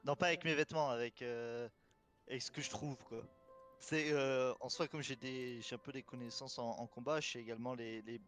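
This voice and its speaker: A man casually describes his moves in a tabletop game. His mid-pitched speech is halting and circles back on itself, with faint music underneath. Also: fairly even intonation, fairly bright tone. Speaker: player. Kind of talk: casual tabletop role-play chat. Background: background music.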